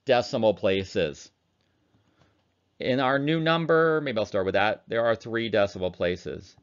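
A man's voice: fairly low pitch, unhurried, clear, resonant tone. A man teaching an online chemistry lecture, talking casually as he works through problems on a calculator. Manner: casual, chatty, talks while working calculator problems. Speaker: chemistry instructor. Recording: dull lo-fi recording.

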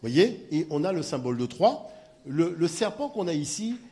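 A man gives a conference talk, pressing his points with emphatic repetition and frequent checks that his audience is following. His voice sits fairly high for a man. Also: sing-song, normal speed, dark tone. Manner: emphatic, repeats "voyez" to engage listeners. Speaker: speaker at a conference. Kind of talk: lecture with audience discussion.

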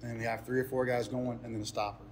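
Here a thirtysomething man who coaches baseball as head coach fields a press interview without a script. His pitch is medium with little movement and his pace quick, and he sounds earnest and explanatory, repeating phrases to drive points home. Ambient noise runs under the recording.

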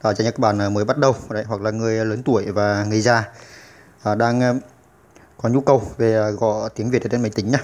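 A man's voice: fairly low pitch, fairly even intonation, quick pace, darkish tone. A man hosting a step-by-step computer tutorial, hesitant with many filler sounds, patiently repeating each instruction. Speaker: channel host teaching computer basics.

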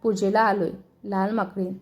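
A woman's voice: medium pitch, flat delivery, moderate pace, darkish tone, lightly acted. A woman voicing a quarrelsome young man who taunts and calls names in a storybook reading. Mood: taunting. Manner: taunting, name-calling.

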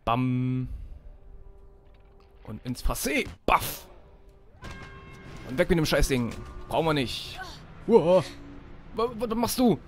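A man commentating his own gameplay, yelping, swearing and shouting orders at the game character. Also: a little high, expressive, slow, long pauses, faint music behind. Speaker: let's play host.

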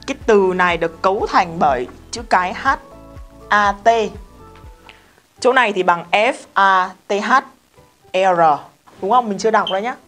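Woman teaching english, chatty and emphatic, keeps asking the class stuff, bit of soft music behind. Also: mid-range voice. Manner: chatty, emphatic, talks straight to students with questions. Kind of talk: casual spoken lesson.

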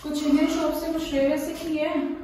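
A woman's voice: high-pitched, little pitch movement, normal speed, mellow, a little hiss or hum. Chatty woman vlogging at home. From India. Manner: chatty, mixing English into her talk. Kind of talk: casual vlog narration.

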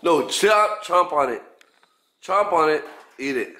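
A man's voice: a little high, animated, takes it slowly, pushed and bright. A man in a casual vlog, groaning and reacting while eating very spicy food. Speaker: vlogger taking a spicy chip challenge. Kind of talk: casual chat. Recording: echoey room with background noise.

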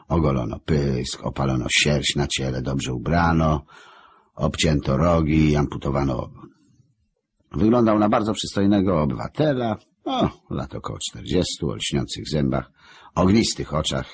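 Very deep, husky male audiobook narrator.

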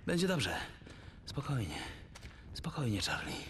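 Loyal adventurer, wildly varying pitch. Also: male voice, big pitch swings, unhurried, slight background noise. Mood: reassuring. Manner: coaxing, urgent, informal. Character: loyal adventurer calming a crazed friend. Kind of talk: dramatic video game acting. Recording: loud music behind the voice.

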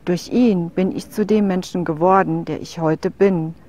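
A woman voicing a grieving woman in a storybook tale who defends her wolf, speaking quietly and with hurt. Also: on the low side, fairly even intonation, a little slow, lightly acted. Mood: defiant.

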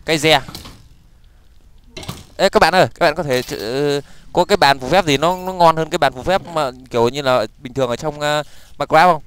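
Young male gamer, rapid excitable let's-play patter, slightly high, clean smooth voice. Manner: rapid, excitable, frequent stammered repeats and exclamations. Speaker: gaming YouTuber. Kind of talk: Minecraft let's play commentary.

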